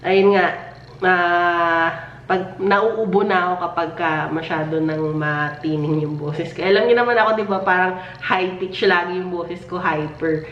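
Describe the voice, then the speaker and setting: A woman chatting in a vlog at home, giggly and talkative, her voice lowered and a little hoarse after being ill, with an occasional cough. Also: fairly even intonation, unhurried, slight background noise. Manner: chatty and giggly, with frequent laughs. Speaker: family vlogger. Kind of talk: casual chat. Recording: echoey, distant, dull home recording.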